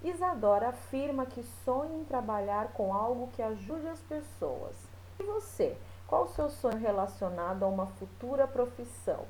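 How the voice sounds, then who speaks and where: In a slightly high, animated, somewhat mellow voice, a woman teacher talks her class through a recorded lesson, loosely and chattily, explaining slowly with lots of small fillers. The audio is rough and carries a little hiss or hum.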